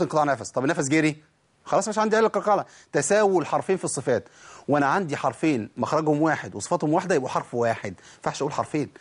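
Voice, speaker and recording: A man with an Egyptian accent teaches the rules of Quran recitation. He poses questions to his listeners and answers them himself. His voice is rapid, a bit high and husky. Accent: Egyptian Arabic. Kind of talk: tajweed lesson.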